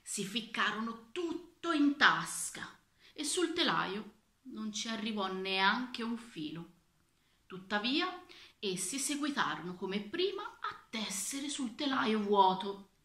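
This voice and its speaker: A woman reading a children's storybook aloud with an expressive, varied delivery. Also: mid-range voice, takes it slowly, reverberant.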